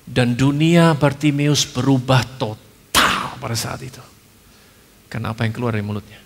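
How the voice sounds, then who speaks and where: A male pastor preaching a sermon in an animated storytelling way, tossing in English phrases and humorous asides. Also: medium pitch, moderate pace, long reverb tail.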